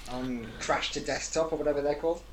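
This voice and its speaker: A man's voice: a little high, fairly even intonation, quick pace, a bit bright, slight background noise, poor audio. A man co-hosting a casual podcast, teasing and jokey. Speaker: podcast co-host. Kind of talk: casual chat.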